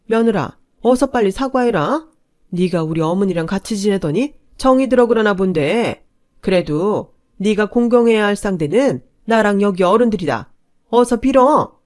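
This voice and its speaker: A woman's voice: medium pitch, lively intonation, moderate pace, darkish tone, close to an everyday voice. A woman voicing a domineering middle-aged father-in-law who issues commands in a storybook tale. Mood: commanding. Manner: commanding, demanding.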